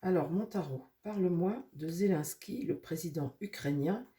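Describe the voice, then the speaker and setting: A woman with a cold who talks through her nose, rambling casually with many fillers while reading tarot for her viewers and speaking softly to her cards. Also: fairly low pitch, lively intonation, moderate pace. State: nasal from a cold. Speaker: tarot reader.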